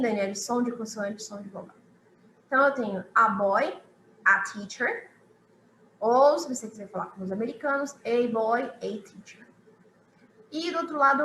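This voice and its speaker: A woman with a bright, fairly high voice teaches a live online English lesson. She explains patiently and repeats each example sentence. Her voice rings in an echoey room with faint noise behind it.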